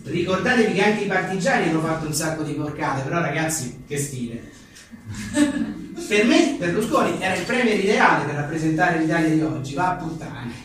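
A slightly high, animated voice belongs to a writer and journalist presenting his book live, reading wry one-liners a little fast and chuckling often between casual asides. The room is reverberant and echoey, the mic distant, with a faint noise underneath.

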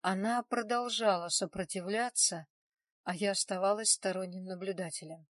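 A woman narrating an audiobook in the first person, steady and measured. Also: mid-range voice, no echo, clean studio sound, recorded from a distance.

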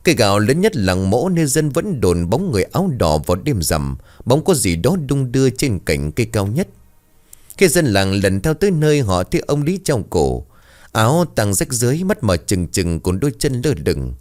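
Dramatic low-voiced male horror narrator. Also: moderate pace. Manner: dramatic, expressive. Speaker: storyteller. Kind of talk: scripted horror story narration.

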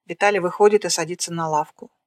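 A narrator reads screenplay stage directions in a plain, even manner. The voice sits at a middling pitch and is recorded close and dry, with no room sound. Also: fast, no echo. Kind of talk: reading a screenplay aloud.

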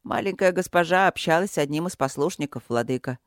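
A narrator voicing a male palace guard who reports in an even, matter-of-fact way. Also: medium pitch, quick pace, no echo, studio quality, natural voice. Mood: dutiful.

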